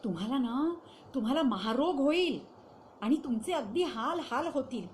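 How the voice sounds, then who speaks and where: A woman's voice: high voice, lively intonation, normal speed, a little hiss or hum. A woman voicing a troubled middle-aged wife who turns agitated and bitter, in a raised, strained voice.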